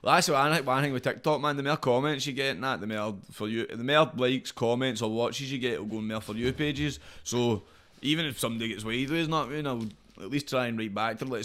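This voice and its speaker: A man's voice: medium pitch, fairly bright tone. A man with a broad Scottish accent chatting casually as a guest, rambling in slang with plenty of swearing. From Scotland. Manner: rambling, slangy, frequent swearing and verbal tags. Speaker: podcast guest, social media comedy creator and wrestler.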